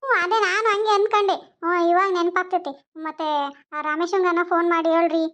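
A woman's voice: extremely high pitch, steady tone, fairly quick, a bit bright. A woman voicing a worried, chatty village woman in a cartoon. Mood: fretting. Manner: fretful, chatty. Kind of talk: cartoon voice acting.

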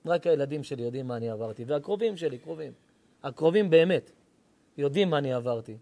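Impassioned preaching rabbi, man, somewhat high. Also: animated, mellow. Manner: impassioned, rising to pleading cries. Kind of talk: emotional sermon.

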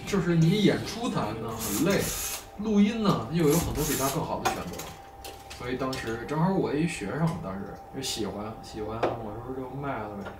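A man's voice: mid-range voice, expressive, normal speed, reverberant, recorded from a distance, loud music behind the voice. A man with a Beijing accent chatting casually and colloquially about gear as a guitarist. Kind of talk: casual chat.

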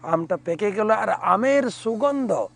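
A man preaching a devotional sermon, his voice sitting high for a man. He takes his time and lingers over each scene of a sacred story as he tells it. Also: lively intonation, gravelly, dry recording. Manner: unhurried, vivid retelling of a sacred tale; breaks into call-and-response chanting. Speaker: monk preacher.

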